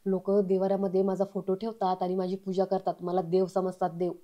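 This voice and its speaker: A woman's voice: mid-range voice, completely flat delivery, brisk, highs cut off, lightly acted. Boastful fibbing man, as a woman reads him. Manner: bragging, evasive. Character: boastful middle-aged man feigning head injury.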